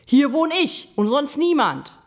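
A woman voicing an enraged forest creature that screams high and strained. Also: big pitch swings, measured pace. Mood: furious. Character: furious shouting forest creature, the Gram.

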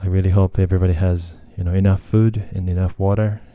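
Hosting a casual solo podcast in Tokyo, Japan, a young Japanese man with a Japanese accent hesitates often, using lots of fillers and correcting himself. He talks fast in a low, warm voice with a level tone. There's no room sound.

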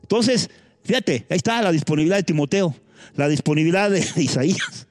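A man preaching a sermon as a pastor, animated, with sudden leaps in pitch, thinking aloud with restarts and asides. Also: a little fast, dry recording.

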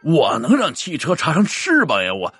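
Guy doing a cranky ambulance driver, loud and snappy, jumps up and down a lot. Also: medium pitch, big pitch swings, brisk, breathy edge, dry recording, soft background music, exaggerated voice. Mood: irritated. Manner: irritated, snapping. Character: gruff middle-aged male ambulance driver, short-tempered.

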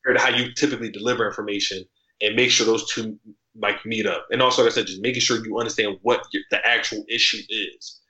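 A man guest on a podcast, telling stories in a casual, animated way, full of slang and "like," jumping up in pitch often. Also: quick pace. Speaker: podcast guest, article writer. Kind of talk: casual conversational storytelling. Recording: roomy, slightly dull podcast audio.

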